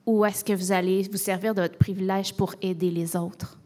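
A woman's voice: medium pitch, steady tone, normal speed, mellow. A woman from Canada with a Québécois French accent, a pastor preaching a sermon in a conversational way, with rhetorical questions and tags like "hein".

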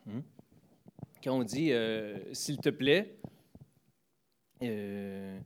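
A man with a lowish voice and drawn-out words tells relaxed anecdotes about politeness and greetings, over a faint hiss or hum. His delivery is hesitant, full of fillers and restarts, and animated, with his pitch leaping on quoted lines.

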